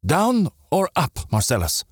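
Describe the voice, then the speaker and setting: A wise old aunt, firm yet gentle, speaking slowly and deliberately, as a male narrator voices her. A remembered voice in a storybook, lifted a little higher than his own. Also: wildly swooping pitch, slightly rough, no room sound, studio quality, heavily acted.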